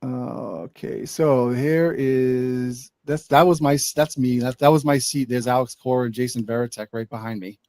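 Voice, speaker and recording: A man's voice: medium pitch, moderate pace, hardly any pauses, dry recording. Rambling storyteller man, dry mic. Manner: rambling, animated storytelling with acted quotes. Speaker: co-host telling a story. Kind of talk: casual chat.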